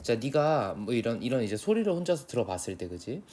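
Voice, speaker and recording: His pitch is medium but swings widely, and his tone leans dark. This young male English teacher with a Korean accent reads exam prep lines slowly and then explains them quickly and casually.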